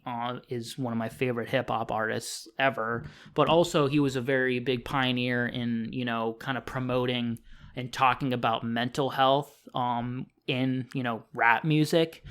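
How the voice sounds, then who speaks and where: A man's voice: mid-range voice, fairly bright tone. A young man giving a casual, unscripted film review on a podcast, rambling with lots of fillers and restarts and swearing freely.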